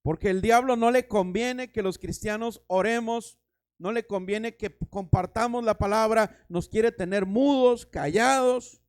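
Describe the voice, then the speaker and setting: A man's voice: high voice, measured pace, smooth. A man preaching a sermon as pastor, dramatic, acting out voices and stories.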